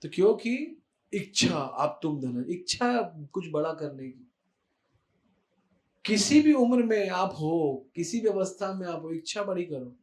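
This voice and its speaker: A high-voiced man gives an emphatic devotional talk. He repeats his key words for weight and drops English phrases in as he goes. The room around him rings with echo. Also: very animated, unhurried. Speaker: spiritual speaker.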